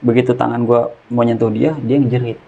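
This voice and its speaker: A man's voice: mid-range voice, little pitch movement, fairly quick, creaky, dark tone. A man telling a story in casual slang and acting out the dialogue. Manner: slangy Jakarta-style speech, acts out dialogue. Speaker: guest storyteller. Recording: muffled lo-fi with faint hiss.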